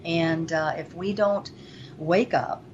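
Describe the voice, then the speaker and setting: A woman's voice: sits low, steady tone, takes it slowly, darkish tone, slight background noise. A woman from Venezuela, a guest on an interview show, talking earnestly and reflectively, on dull lo-fi audio. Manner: earnest, faith-driven, reflective. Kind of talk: interview talk. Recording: dull lo-fi audio with faint ambience.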